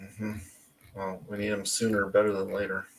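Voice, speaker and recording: A man's voice: on the low side, monotone, normal speed, poor audio. A man in his forties co-hosting a casual podcast, laid-back with blunt quips. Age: 40s. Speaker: podcast co-host. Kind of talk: casual chat.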